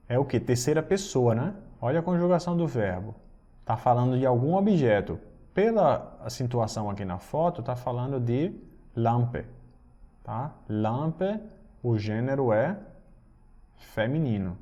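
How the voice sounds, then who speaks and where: A man teaching German, explaining patiently and reading German phrases slowly. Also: medium pitch, dark tone. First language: Portuguese. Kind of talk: recorded language lesson.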